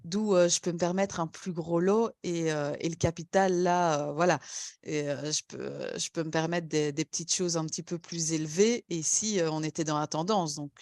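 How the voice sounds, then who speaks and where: A woman's voice: deep voice, fairly even intonation, moderate pace, darkish tone, no room sound, clean studio sound. A woman trader chatting on a live stream, explaining her position with fillers. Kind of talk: casual chat.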